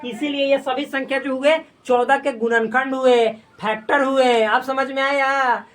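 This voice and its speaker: A woman's voice: sits high, fairly even intonation, unhurried. A woman maths teacher, explaining a lesson in a playful, teasing way with rhyming asides and slang, recorded on a close mic while writing on a board. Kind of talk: classroom lesson video.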